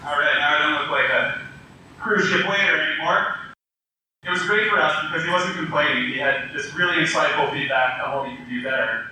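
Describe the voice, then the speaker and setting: A man's voice: on the high side, fairly quick, distant mic, background noise. A man addressing an audience as event organizer, joking at his own expense. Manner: self-mocking, joking. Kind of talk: speech to an audience. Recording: echoey hall mic from afar.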